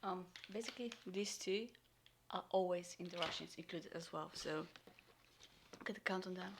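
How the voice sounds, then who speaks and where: A woman vlogger unboxing and reviewing a military ration in casual talk, full of ums and sometimes dropping into a soft whisper. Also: mid-range voice, gravelly, background noise. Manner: chatty, frequent ums, drops into soft whispers. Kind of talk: casual unboxing and taste test.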